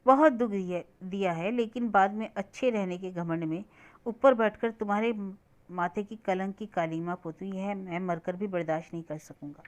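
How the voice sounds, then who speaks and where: A woman's voice: mid-range voice, natural voice. A woman reading a remorseful young man pleading. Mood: earnest pleading. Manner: earnest, pleading, measured.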